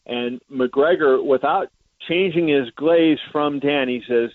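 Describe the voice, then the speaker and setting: A man's voice: on the high side, takes it slowly, no room sound. Man telling a story over a tinny phone line. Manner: rambling, frequent "uh" fillers. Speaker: boxing and MMA reporter, radio guest.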